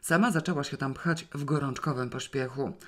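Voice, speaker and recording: A reader narrating a novel in the first person, with a wry, lively storytelling manner. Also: mid-range voice, brisk. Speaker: audiobook reader.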